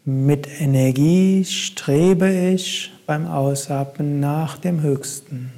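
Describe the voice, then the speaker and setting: A man guiding a meditation in a calm, soft-spoken way, with long pauses between instructions. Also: on the high side. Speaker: meditation guide.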